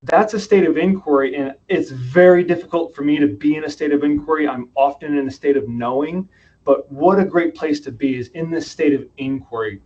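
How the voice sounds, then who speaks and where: A man's voice: a little high, a little fast, a little mellow, lo-fi sound. A man who is a podcast guest, telling stories in a conversational, reflective way and asking himself questions aloud. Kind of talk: conversational storytelling.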